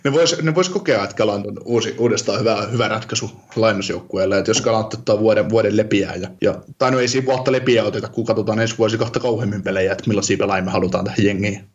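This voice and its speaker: Low-voiced guy rambling in a podcast chat, um-ing a lot, dull lo-fi sound. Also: few pauses. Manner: rambling, thinks aloud with many fillers. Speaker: podcast co-host. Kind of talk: casual hockey chat.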